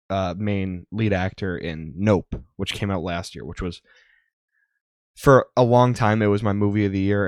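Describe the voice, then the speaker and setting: A man's voice: low-pitched, darkish tone, no room sound, studio quality. A young man co-hosting a podcast, chatting casually and rambling with lots of ums. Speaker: podcast co-host. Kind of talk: casual chat.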